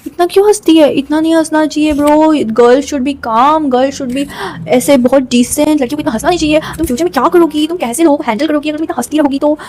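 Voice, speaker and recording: A woman's voice: sits high, fast, darkish tone, a little hiss or hum, voice pushed up, close to an everyday voice, low-quality recording. A woman imitating a strict female schoolteacher who lectures and scolds. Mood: scolding. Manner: lecturing, preachy.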